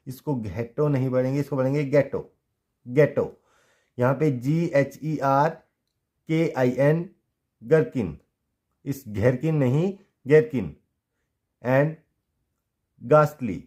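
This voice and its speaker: A man gives a patient pronunciation lesson at an unhurried pace. His voice is warm and mellow. He spells each word out letter by letter and answers his own questions. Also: medium pitch. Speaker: English teacher.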